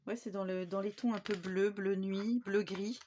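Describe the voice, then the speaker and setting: A woman's voice: medium pitch, steady tone, moderate pace, warm tone. Chatty woman showing craft papers. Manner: chatty, with many fillers and restarts. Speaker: scrapbooking YouTuber. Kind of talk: casual craft haul show-and-tell. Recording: slightly dull home recording with faint background noise.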